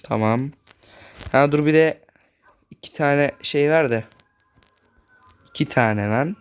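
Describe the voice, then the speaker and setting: High, clear-voiced man narrating gameplay. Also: slow pace. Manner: talks loudly on purpose so the voice carries; chatty, keeps addressing viewers as friends. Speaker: gaming channel host. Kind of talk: casual gameplay commentary.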